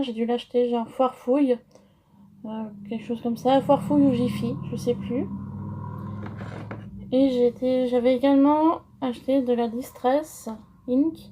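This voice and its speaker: French lady showing a stamping craft, slow and halting, lots of euh. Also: sits high, dark tone. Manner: slow, hesitant, many fillers. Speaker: crafting tutorial host. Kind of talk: casual craft tutorial.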